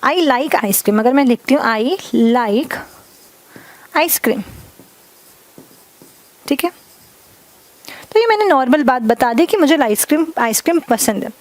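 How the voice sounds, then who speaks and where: A woman teaching grammar in Hindi. She dictates example sentences slowly word by word and keeps checking in with "ठीक है". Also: sits high, animated. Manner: addresses viewers as "guys", repeats "ठीक है" often. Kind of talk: classroom grammar lesson.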